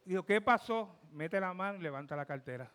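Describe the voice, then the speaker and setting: Animated Puerto Rican preacher man, fifties. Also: high-pitched, fairly quick. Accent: Puerto Rican Spanish. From Puerto Rico. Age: 50s. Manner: animated storytelling, swinging from loud to hushed. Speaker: pastor. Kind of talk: sermon testimony.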